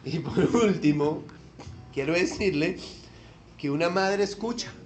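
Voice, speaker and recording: A man preaching a Mother's Day sermon, animated and jokey, with outbursts and questions to the congregation. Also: on the high side, a little slow, a little hiss or hum. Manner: talks to the congregation with tag questions. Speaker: pastor.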